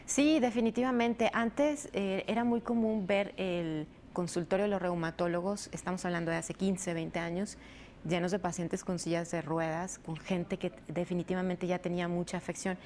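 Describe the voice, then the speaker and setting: A woman rheumatologist, explaining a disease in measured interview answers with frequent fillers. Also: fairly low pitch, fairly even intonation, gravelly, darkish tone. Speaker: rheumatologist guest. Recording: faint background noise.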